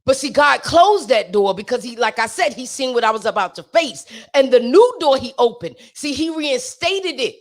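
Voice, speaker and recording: Her high-pitched voice naturally raspy in every line, a singer testifies to livestream viewers with fervent, sermon-style motivation. Very animated at a normal speed with hardly any pauses, she speaks directly to them and repeats points to press them home.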